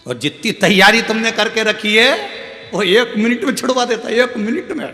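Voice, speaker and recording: A man's voice: high voice, moderate pace, bright, forceful tone. A man preaching at a live religious gathering, telling stories with emphatic repetition of his phrases. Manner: emphatic, repeats phrases for stress. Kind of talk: live religious storytelling sermon. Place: large hall or pavilion at a live religious gathering. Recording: echoey hall with faint music.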